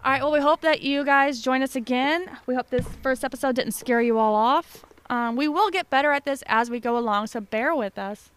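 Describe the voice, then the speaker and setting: A woman's voice: sits high, brisk, few pauses, fairly bright tone, clean tone. A woman co-hosting a podcast in casual, chatty conversation, recorded at a desk mic at home. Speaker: podcast co-host. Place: home basement with no door. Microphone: desk microphone.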